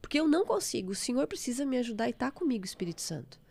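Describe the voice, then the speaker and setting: A middle-aged woman, giving a fervent, expressive testimony of faith as a guest. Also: fairly high pitch, racing, creaky, husky.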